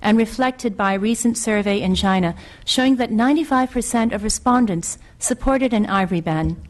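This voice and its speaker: A middle-aged woman from Hong Kong, testifying before a legislative committee and reading a prepared statement in an earnest, formal, measured way. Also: mid-range voice.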